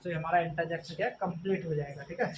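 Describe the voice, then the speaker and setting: A man teaching an English grammar lesson, reading out examples slowly and repeating a filler after nearly every phrase. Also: on the high side. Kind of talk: classroom lecture. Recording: distant mic with faint background noise.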